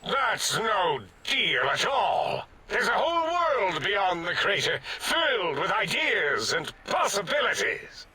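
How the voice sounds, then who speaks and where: Pompous mad scientist, bright raspy voice. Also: male voice, high-pitched, big pitch swings, slow pace, few pauses, full character voice, poor audio. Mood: wistful, grand. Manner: pompous, theatrical, overblown diction. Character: haughty, excitable mad scientist, a brain in a machine. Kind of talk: video game character acting.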